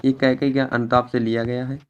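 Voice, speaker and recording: A man talks through a model exam paper in a mid-range voice, giving each answer and then repeating it so students can follow. His delivery is steady and methodical, closing points with a quick check word. The recording sounds a little dull and lo-fi, with a faint hiss underneath. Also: mid-range voice. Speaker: teacher.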